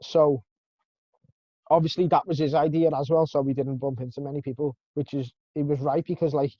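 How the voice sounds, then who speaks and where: A man's voice: a little high, little pitch movement, fairly quick, dry recording, dull audio. A man with a Liverpool accent telling anecdotes in casual chat as a podcast co-host. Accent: Liverpool (Scouse).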